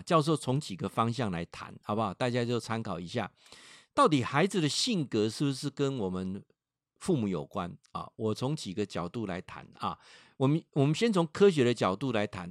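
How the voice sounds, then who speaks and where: On a livestream, a professor with a Taiwanese Mandarin accent reads out a viewer's letter, telling it with animation and acting out its voices. His voice is mid-range, and the recording is dry with clean studio sound.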